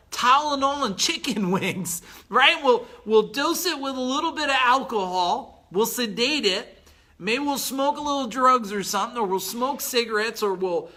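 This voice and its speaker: Sharp-toned and high-voiced, this man in his 40s is a business coach live-streaming a forceful, no-nonsense motivational talk, occasionally pausing to clear his throat.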